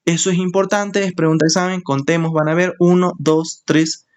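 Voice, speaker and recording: A man's voice: a little high, steady tone, moderate pace, clear, resonant tone. A man teaching an anatomy lesson. He explains step by step, repeats key terms for emphasis and keeps checking in with his students. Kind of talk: screen-share anatomy lesson.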